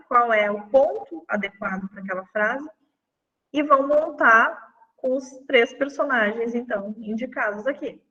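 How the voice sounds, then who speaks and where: A fairly high-voiced woman leads an online teacher training, chatting her way through classroom card games. The sound is muffled and distant, with a long reverb trailing behind her. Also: sharp tone. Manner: chatty, demonstrates games on screen with many fillers.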